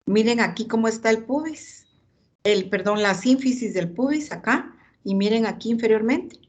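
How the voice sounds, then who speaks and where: A woman's voice: fairly high pitch, lively intonation, normal speed. A woman lecturing anatomy, pointing out images and calling on students by name.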